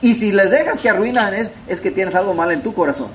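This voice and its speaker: Animated high-voiced preacher. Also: male voice, quick pace, slight background noise, low-quality recording. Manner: animated, rhetorical questions, swings between loud and soft. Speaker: pastor. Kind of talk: sermon.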